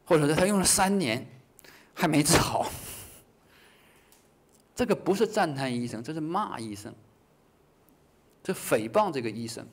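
Guy teaching a buddhist class, lively, chuckles, plays out little back-and-forths, slows way down on key phrases. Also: fairly high pitch. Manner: lively, acts out short dialogues, chuckles. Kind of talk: dharma lecture.

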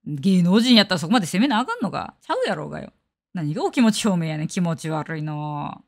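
Kansai woman streamer, blunt and scornful, talks fast, voice jumps all over. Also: fairly low pitch. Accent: Kansai Japanese. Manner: blunt, scornful, animated rants. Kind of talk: casual stream chat.

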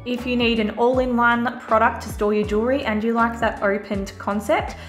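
A woman talking casually through a shopping voice-over, relaxed and chatty with lots of fillers. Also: fairly high pitch, normal speed. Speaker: vlogger. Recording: roomy voice-over with faint music.

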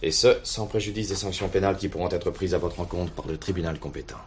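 In a French radio play, a deep-voiced male actor portrays a stiff, coldly dutiful police superintendent. He speaks in formal, measured officialese.

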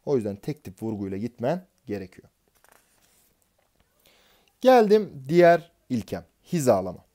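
A man's voice: medium pitch, big pitch swings, a little slow, mellow. A man teaching an exam prep lesson, explaining concepts step by step and answering his own questions as he goes.

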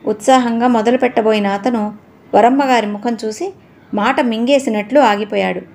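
Brief: woman audiobook narrator, fairly high pitch, calm expressive storytelling. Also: moderate pace.

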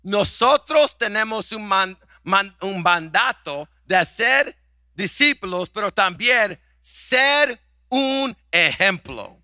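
A man's voice: high voice, animated, slow pace, pushed and bright, no echo, studio quality. A middle-aged male pastor preaching a sermon in a church, emphatic and repeating words as he builds his point. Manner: emphatic preaching, repeats words and restarts, drops in English "come on". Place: church sanctuary.

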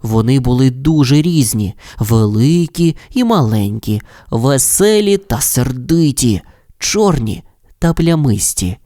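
A children's audio-tale narrator tells the story in an expressive, lilting way. The voice sits in a middle pitch and swings widely up and down. The sound is dry and close. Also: slow pace, dry recording.

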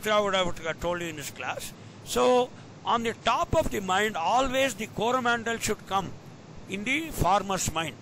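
A man's voice: bright, forceful tone, poor audio. A man with an Indian accent giving an informal online lecture in English and Hindi, prodding his listeners with questions and repeating key phrases. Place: indoors, on a video call. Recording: rumbly background noise on online call.

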